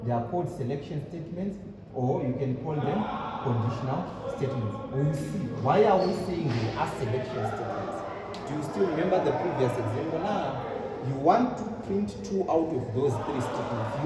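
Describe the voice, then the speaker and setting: A man's voice: on the high side, lively intonation, normal speed. Man lecturing in an echoey room. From Zimbabwe. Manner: repetitive, asks rhetorical fill-in questions. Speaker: programming lecturer. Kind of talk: classroom lecture. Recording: echoey room, distant mic, noisy.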